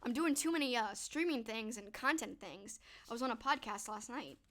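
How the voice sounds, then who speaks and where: This streamer's voice is fairly high, expressive, and a bit bright, at a moderate pace. Chatting casually with her live viewers and answering their questions, the young woman stays upbeat, full of "like" and "um," even as her voice wears out and fades.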